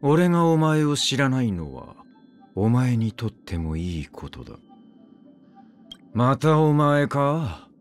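Over soft background music, a man performs game voice lines as a weary, brooding immortal swordsman. He speaks slowly yet very animatedly, in short clipped phrases that sound low, curt and grim.

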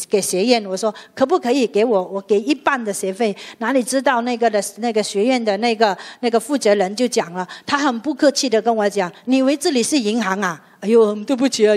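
A woman pastor, preaching a sermon and telling a personal testimony that builds to fervent exhortation. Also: on the high side.

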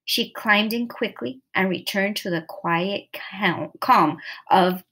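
A woman's voice: medium pitch, slow, bright, forceful tone. A woman narrating a nonfiction story aloud, reading steadily with the odd slip and self-correction. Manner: reads steadily with occasional slips and self-corrections.

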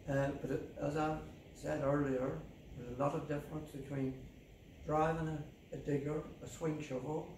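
An older man talks in a plain, unhurried way, halting now and then. His voice sits a little high. He is recorded from some distance outdoors, with loud background noise and a roomy echo. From England. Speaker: farmer. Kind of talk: outdoor interview walk. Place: outdoors on farmland.

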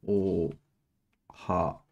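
A young man from Japan streams a lesson live via webcam in a small room, his accented English halting and full of restarts, punctuated by fast Japanese asides. His low, creaky, darkish voice has fairly even intonation, and the sound is lo-fi.

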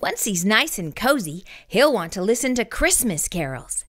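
A middle-aged woman reading aloud to young children in an expressive storytime voice, as a children's host. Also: mid-range voice, moderate pace, no room sound, clean studio sound.

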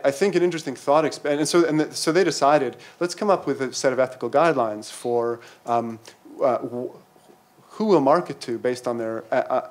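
A middle-aged man speaking at a conference panel, halting and full of fillers and restarts, into a table microphone in a lecture hall. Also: medium pitch. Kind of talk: academic conference talk. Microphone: table mic on stand.

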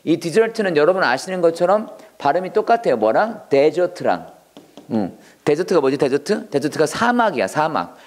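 A man's voice: fairly high pitch, big pitch swings, a little fast. A man teaching English vocabulary in an online lesson, drilling words by repeating them and asking rhetorical questions.

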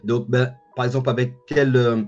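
A man in his thirties interviews a guest casually as host, frequently echoing his own phrases. His medium-pitched voice barely moves in pitch and runs at normal speed. The video call comes from an indoor room with a bookshelf, sounding dull and lo-fi with music in the background.

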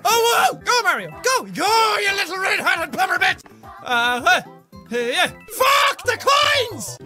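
A man raging at a video game, yelling and swearing in frantic bursts over game music. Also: very high-pitched. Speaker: gaming video creator. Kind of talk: raging let's-play commentary.

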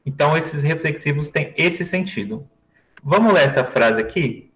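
A man's voice: a little high, lively intonation, moderate pace, a bit bright, low-quality recording. A man teaching English in an online lesson, patiently repeating each word and phrase for his students over a video call.

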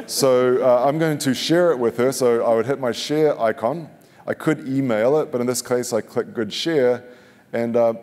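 A man in his forties, with a mid-range and slightly mellow voice, presents a casual product demo live on a conference stage, cracking jokes and often restarting his sentences. He's on a headset mic, and a large hall gives a long reverb.

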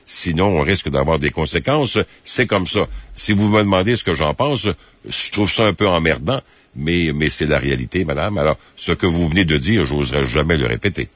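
A man hosting a late-night phone-in radio show, speaking in a measured, hesitant way with many fillers. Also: very deep voice, lively intonation, fairly bright tone, no room sound. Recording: muffled broadcast audio.

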